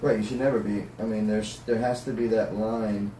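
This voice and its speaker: A man's voice: on the low side, level tone, normal speed, dark tone. A man in a casual discussion, talking emphatically and repeating himself to press his point. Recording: echoey room, distant mic, faint noise.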